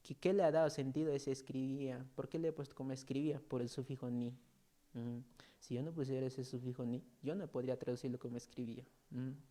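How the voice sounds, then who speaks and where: A man's voice: medium pitch, fairly even intonation, quick pace, mellow. A man teaching an online language class, chatty and joking as he reads out student comments, with a Peruvian Spanish accent.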